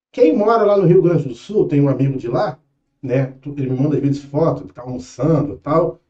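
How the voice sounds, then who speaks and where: Young man, Rio de Janeiro accent, casual patient teaching, slightly raised pitch, echoey room. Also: warm tone, dull audio. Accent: Rio de Janeiro Brazilian Portuguese. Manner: casual, patient, checks in often with "tá?" and "né?". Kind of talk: exam prep lesson.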